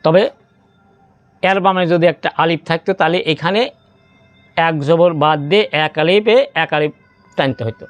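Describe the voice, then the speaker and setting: A man teaching Quran reading, slowly spelling out Arabic syllables in step-by-step drills and drawing out recited words. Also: a little high, clean tone, soft background music.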